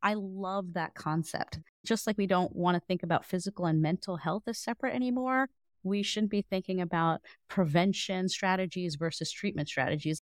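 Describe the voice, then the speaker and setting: A woman in her thirties hosting a podcast, asking questions quickly and affirming her guest. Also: fairly low pitch, no echo, clean studio sound. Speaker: podcast host. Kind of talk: conversational podcast interview.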